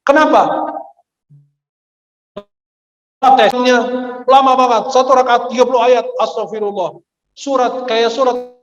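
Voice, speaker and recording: High-voiced preacher, slow and lively. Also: male voice, reverberant. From Egypt. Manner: lively storyteller who acts out the people in his stories. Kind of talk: humorous Ramadan sermon with anecdotes. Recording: dull lo-fi recording.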